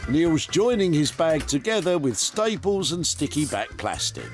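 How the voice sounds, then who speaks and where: Narrating a TV upcycling show, this man reads a scripted voice-over peppered with wry, teasing asides. His voice sits fairly high and swings widely in pitch, and he takes his time. Music plays underneath.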